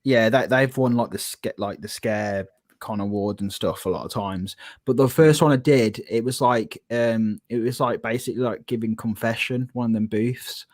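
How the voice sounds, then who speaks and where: A man's voice: fairly low pitch, moderate pace, dry recording, clean studio sound. A British man co-hosting a podcast, chatting casually and rambling with lots of fillers and restarts. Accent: British English. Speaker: podcast co-host. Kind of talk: casual chat.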